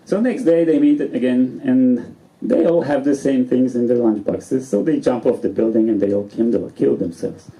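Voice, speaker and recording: A man's voice: mid-range voice, normal speed, hardly any pauses, warm tone, poor audio. A man in his thirties from Poland with a Polish accent, doing chatty, self-deprecating open mic stand-up. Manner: chatty, self-deprecating, often laughing mid-sentence. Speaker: stand-up comedian. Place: small club stage in front of an audience.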